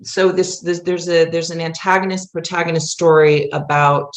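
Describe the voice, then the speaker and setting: A middle-aged woman, a theater writer and producer, is a guest in a casual interview, explaining things earnestly while wandering from one thought to the next. Her voice sits low, with a flat delivery at normal speed.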